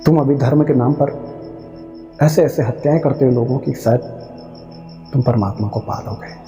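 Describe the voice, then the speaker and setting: A man giving an emphatic, rhetorical spiritual discourse, scolding his listeners in drawn-out phrases. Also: medium pitch, warm tone. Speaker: spiritual speaker. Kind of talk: devotional discourse on Kabir's verses. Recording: long reverb with faint music.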